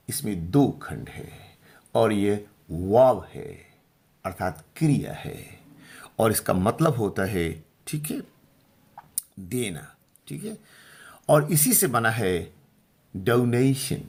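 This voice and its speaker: A man's voice: fairly low pitch, big pitch swings. A middle-aged man teaching pronunciation, patiently repeating each word and checking that listeners follow. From India. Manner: slow, patient, repeats words and asks if clear. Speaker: English teacher. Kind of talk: Hindi-language pronunciation lesson.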